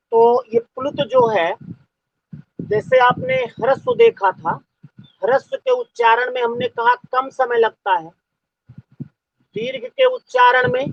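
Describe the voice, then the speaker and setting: A male teacher giving a live online class, dictating slowly and repeating phrases for students to write down. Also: very high voice, creaky, no room sound. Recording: dull lo-fi audio.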